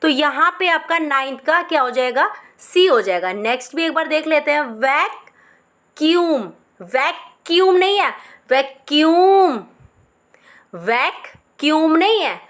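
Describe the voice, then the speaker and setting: Woman teacher, high voice, slow careful syllable-by-syllable spelling lesson. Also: expressive, a bit bright. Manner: slow, syllable-by-syllable dictation of English words.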